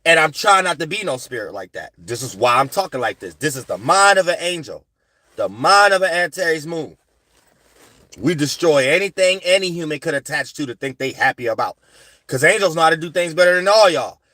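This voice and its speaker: A man's voice: fairly high pitch, animated, fairly quick, sharp tone, no room sound. A man giving a casual spiritual lecture to his viewers in a slangy, rambling, preachy way, often asking "you know what I'm saying". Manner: slangy conversational delivery. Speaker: spiritual astrology channel host.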